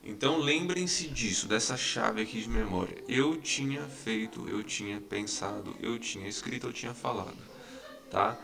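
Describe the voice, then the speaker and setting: A man's voice: lowish voice, animated, moderate pace, gravelly, pushed and bright. A man teaching English grammar in an online lesson. He explains patiently and repeats each example, checking in with his students again and again.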